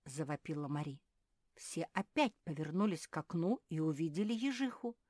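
A woman narrating a children's audiobook in a measured, expressive storytelling manner. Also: low voice, no echo, studio quality. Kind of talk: scripted narration.

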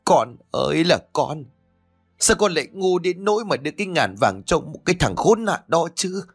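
Male reader voicing a grieving village mother in a storybook, high, tearful reproach. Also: animated, moderate pace, creaky, husky, faint music behind, full character voice. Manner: wailing reproach. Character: grieving scolding middle-aged village mother.

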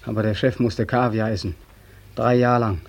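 A man playing a sleepless young soldier back from the war, in a 1940s radio play. His mid-pitched voice is worn out and bitterly ironic, and he keeps repeating the same form of address, wearily, like a refrain. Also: fairly even intonation, moderate pace, creaky, darkish tone, lightly acted. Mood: sardonic. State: exhausted.

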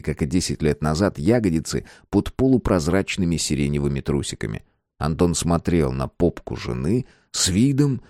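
Low-voiced male audiobook narrator. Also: dark tone, no echo, clean studio sound. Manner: measured storytelling. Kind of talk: scripted narration.

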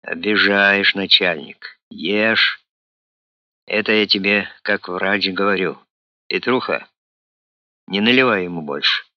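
A man's voice: low voice, slow pace, pauses often, no echo, highs cut off. A man voicing a wry old-school professor. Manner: wry, teasing, mildly scolding. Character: sardonic middle-aged male professor and doctor.

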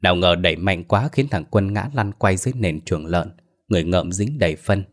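A man narrating a folk horror story in a low, deep voice. His telling is plain and earthy, steady through the scenes. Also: a little fast.

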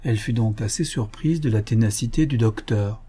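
A man reads a classic novel aloud in scripted narration. His voice is husky and dark, the pace steady and measured. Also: on the low side. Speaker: audiobook narrator.

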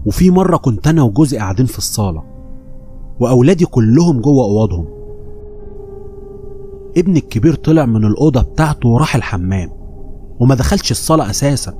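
Mellow Egyptian man narrating horror. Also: mid-range voice, quick pace, pauses often, soft background music. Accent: Egyptian Arabic. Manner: steady storytelling, voicing quoted people. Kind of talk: scripted horror story narration.

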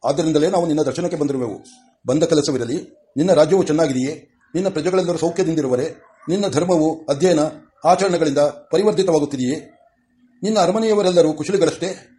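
A man voicing a wise, stately male teacher of the gods, in a measured, formal audiobook reading. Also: a little high, mellow, close to an everyday voice.

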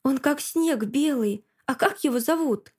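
A woman reading an audiobook, voicing an excitable little girl who talks breathlessly and pleads. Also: sits high, voice pushed up. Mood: excited. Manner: breathless, pleading, quick to whine. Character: excitable little girl, eager and wide-eyed.

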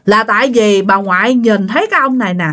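A woman's voice: mid-range voice, fast talker, fairly bright tone. A woman narrating a ghost story for her channel, chatty and colloquial, often speaking straight to her listeners.

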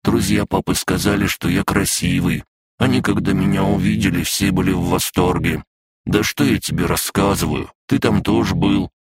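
A man voicing a sad, childish little male dragon familiar in an audiobook, whiny and drawn-out. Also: sits low, steady tone, background noise, voice pushed up, close to an everyday voice. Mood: sulky. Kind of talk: audiobook character voice.

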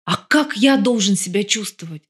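A woman's voice: mid-range voice, lively intonation, moderate pace, natural voice. A woman voicing a desperate young male bodyguard who pleads in a raised voice in an audiobook.

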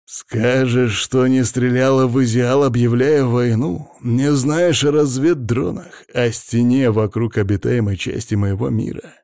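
A man voicing a furious, hysterical male hamster-like alien who yells shrilly and swears. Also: steady tone, unhurried, hardly any pauses, dry recording, clean studio sound, close to an everyday voice. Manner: shrill, hysterical, foul-mouthed yelling.

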